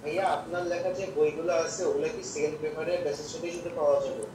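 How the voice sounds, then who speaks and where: A male student with a Bangladeshi accent politely asks his teacher a question. His voice sits a little higher and comes from far off the mic in a roomy space, over a faint hiss. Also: fairly even intonation, rapid-fire, darkish tone.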